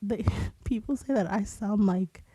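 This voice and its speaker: A woman co-hosting a podcast in casual chat, with a flat, low-key, bored-sounding manner. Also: measured pace, slightly rough, no room sound. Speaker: podcast co-host.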